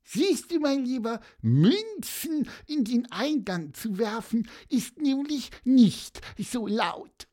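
A woman voicing a chatty, know-it-all little bird in a children's audio story, lively and talkative. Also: a little high, slow pace, hardly any pauses, exaggerated voice. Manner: lively, talkative, fond of "ja, ja" and "mein Lieber".

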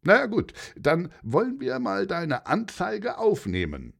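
A man's voice: a little high, wildly swooping pitch, measured pace, husky, voice pushed up, heavily acted. A man voicing a stern, old-fashioned village policeman in a storybook reading, hesitant and bureaucratic. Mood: brusque.

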